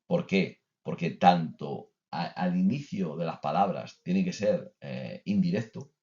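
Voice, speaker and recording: A man's voice: deep voice, unhurried, dark tone. A man giving a recorded course lecture to teachers, conversational, with many filler sounds and restarts. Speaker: teacher trainer. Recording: dull lo-fi recording.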